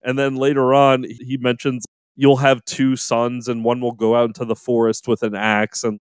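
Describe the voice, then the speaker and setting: A man's voice: mid-range voice, flat delivery, moderate pace, clean tone, no echo, clean studio sound. A man co-hosting a podcast, chatting enthusiastically about a film and laughing often. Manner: enthusiastic, laughs often, quotes movie lines. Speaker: podcast co-host. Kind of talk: casual chat.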